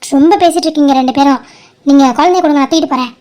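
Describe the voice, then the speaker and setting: A woman voicing a haughty, scheming young woman in an animated cartoon, scolding and sneering at the people around her. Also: high-pitched, rapid-fire, lightly acted.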